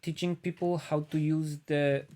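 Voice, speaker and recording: His voice a little high and a little mellow, with little pitch movement, a Polish-accented man from Poland chats on a livestream as he paints. He thinks aloud and stops frequently to pause.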